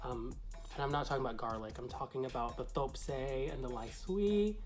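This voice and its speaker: A man's voice: mid-range voice, moderate pace, faint music behind. A man who is a drag queen vlogger, talking through a tutorial to camera in a chatty, meandering, explanatory way. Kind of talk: casual tutorial talk to camera.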